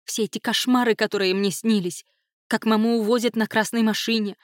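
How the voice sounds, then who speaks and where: A woman's voice: fairly high pitch, fairly even intonation, brisk, dry recording, clean studio sound, close to an everyday voice. A woman voicing a furious, tearful young woman. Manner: shouting, tearful, accusing. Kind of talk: audiobook character voicing.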